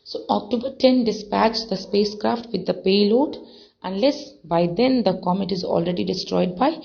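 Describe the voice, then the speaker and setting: A woman teaching an English textbook lesson, reading passages aloud and explaining words slowly, with many fillers and repetitions. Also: mid-range voice, gravelly, a little mellow. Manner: slow, repeats and defines words, many fillers. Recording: dull lo-fi recording.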